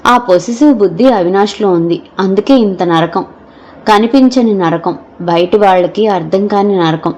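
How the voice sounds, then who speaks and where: A young wife from an audio novel, gentle and hurt, explaining herself in earnest, pleading tones, read by a woman narrator. Her voice sits at an ordinary middle pitch. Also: moderate pace, natural voice.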